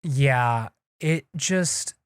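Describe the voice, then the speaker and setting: A young man co-hosting a casual podcast, excitable and swearing freely as he talks in quick bursts. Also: mid-range voice, smooth, no echo, clean studio sound. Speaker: podcast co-host. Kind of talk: casual chat. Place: home studio. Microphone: desk mic on a live stream.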